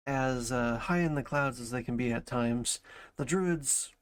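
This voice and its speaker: Guy streamer just chatting and reacting, medium pitch, kinda rambly, thinks out loud in bits. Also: measured pace. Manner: rambling, thinking aloud in broken phrases. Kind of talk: casual chat, reaction commentary.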